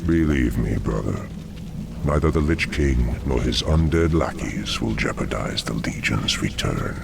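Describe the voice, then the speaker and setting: An actor playing a scheming, haughty demon lord in a fantasy video game, speaking in a formal, ominous, commanding manner. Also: male voice, extremely low pitch, measured pace, creaky, noisy background, full character voice. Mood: suspicious, haughty. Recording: dramatic music behind the voice.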